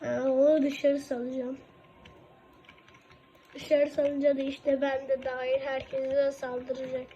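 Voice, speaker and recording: High-voiced woman narrating her game at the pc, excitable and chatty, muffled lo-fi mic. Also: slow pace, long pauses. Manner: chatty, excitable, talking to herself while playing. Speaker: gaming video creator. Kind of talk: casual gameplay commentary. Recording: dull lo-fi with faint noise.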